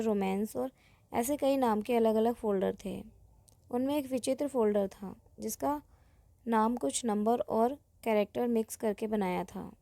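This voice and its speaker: Gravelly-voiced woman telling a story. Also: fairly high pitch, warm tone, dry recording. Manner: plain, conversational storytelling. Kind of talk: first-person story narration.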